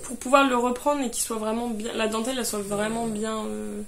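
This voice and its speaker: A fairly high-voiced young woman talks through her knitting projects in a loose, halting way, full of fillers and restarts. She sounds a little tired, and a faint hiss sits under the recording. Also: flat delivery, vocal fry. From France. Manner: hesitant, many fillers and restarts. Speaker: knitting vlogger. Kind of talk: casual chat.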